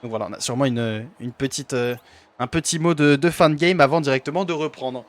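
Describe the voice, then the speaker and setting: A man's voice: mid-range voice, brisk. Hesitant amateur esports caster, man. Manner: hesitant, many fillers, self-corrections. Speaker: esports caster for his team. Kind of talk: amateur play-by-play commentary.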